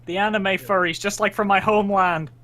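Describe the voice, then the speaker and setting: A man's voice: high voice, fairly even intonation, fairly quick, sharp tone. A man chatting casually as a player in a tabletop game.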